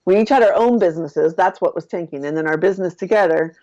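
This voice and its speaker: A woman business coach, a podcast guest, telling a personal story in a casual, lively way with lots of "like" and "I'm like". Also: fast talker. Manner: lively storyteller who acts out her own past lines with big jumps in pitch. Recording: dull lo-fi podcast audio.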